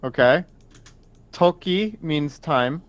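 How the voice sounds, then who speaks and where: A man's voice: fairly high pitch, expressive, slow. Patient man explaining Japanese. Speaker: Japanese tutor. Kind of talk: casual explaining on a stream.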